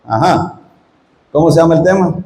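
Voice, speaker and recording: The middle-aged Guatemalan lay missionary here has a fairly high voice and talks at normal speed over a noisy background. His parish retreat talk in the echoey church hall is conversational and teaching-oriented, with questions directed at the audience.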